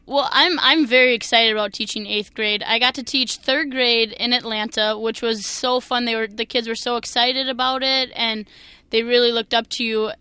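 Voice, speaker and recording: A young woman from Minnesota with a Minnesotan accent, answering interview questions as a new teacher, energetic and earnest. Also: fairly high pitch, clean tone, dry recording.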